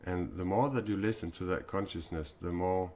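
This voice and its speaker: A Danish man in his forties hosting a spiritual live stream, talking haltingly with many fillers and restarts. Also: low voice, a little mellow, slight background noise. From Denmark.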